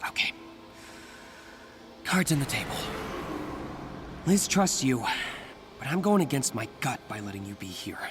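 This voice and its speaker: Lively young Spider-Man, wisecracking and earnest. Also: mid-range voice, measured pace, pauses often, music in the background. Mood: guarded, suspicious. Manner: quippy, earnest. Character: young wisecracking masked superhero, earnest and eager. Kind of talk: video game voice acting.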